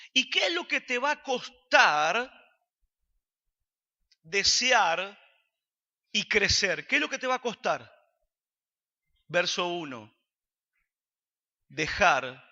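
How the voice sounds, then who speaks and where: A man's voice: a little high, sharp tone. A man with an Argentine accent preaching a sermon, asking his congregation questions and answering them himself. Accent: Argentine Spanish. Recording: dull recording with long hall reverb.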